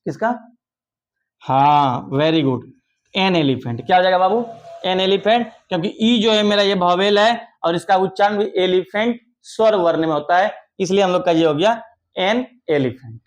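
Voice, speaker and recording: A young man teaching English grammar to children in an online lesson, coaxing them affectionately and praising their answers loudly. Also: high voice, normal speed.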